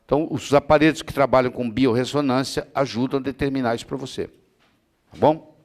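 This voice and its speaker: Male medical lecturer, mid-pitched, explanatory, checks in with the class. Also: brisk. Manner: explains with everyday analogies, checks understanding often. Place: lecture room with students.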